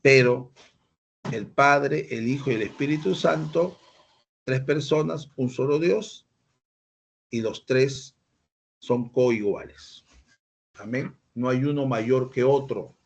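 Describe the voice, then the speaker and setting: A man's voice: mid-range voice, slow, vocal fry, pauses often, lo-fi sound. A man preaching a sermon, teaching through rhetorical questions and acted-out quotes. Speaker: pastor.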